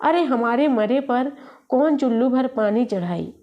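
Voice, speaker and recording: A woman's voice: a little high, expressive, unhurried, lo-fi sound. A woman voicing a hunchbacked woman who sobs out a lament, in a storybook reading. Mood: wailing. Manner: sobbing lament. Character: hunchbacked grown woman, wailing at her husband's feet.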